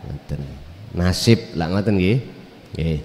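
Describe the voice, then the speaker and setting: Slow, dark-voiced male teacher in a hall. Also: low voice. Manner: measured, answers with short polite affirmations. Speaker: spiritual teacher. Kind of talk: religious teaching. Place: study hall at an Islamic boarding school. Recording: long reverb.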